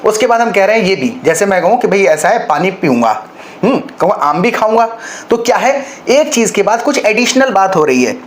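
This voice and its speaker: A man's voice: high-pitched, big pitch swings, normal speed. Man, english teacher, patient step-by-step explaining, keeps asking right?, faint background hiss. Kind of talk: conversational spoken-English lesson.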